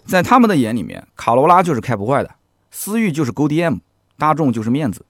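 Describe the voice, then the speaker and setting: Chatty guy hosting a podcast, talks fast, voice jumps around a lot, dry close sound. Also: mid-range voice, dry recording. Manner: animated, chatty, often asking "right?". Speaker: podcast host. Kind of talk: casual chat.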